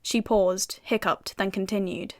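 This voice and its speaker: A woman's voice: medium pitch, fairly even intonation, a little slow, natural voice. British actress as a cocky young female FBI agent narrating her own audio drama, dry sardonic wit, mid-range voice. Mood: wry. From United Kingdom.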